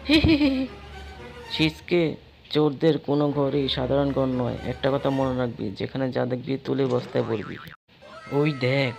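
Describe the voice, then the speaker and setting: A man's voice: medium pitch, gravelly, natural voice. A man voicing a sneaky, scheming jackal husband who is a petty thief in a cartoon story. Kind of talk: exaggerated cartoon story acting. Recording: music behind the dialogue.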